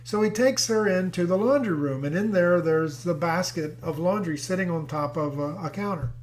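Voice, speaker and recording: A man's voice: high voice, normal speed. A male pastor giving a sermon in a conversational, storytelling way.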